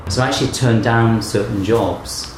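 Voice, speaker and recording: In an interview conversation, a middle-aged theatre director reflects and tells stories thoughtfully. His voice is on the low side and his pace is normal. The recording has an echoey room sound with faint noise behind it.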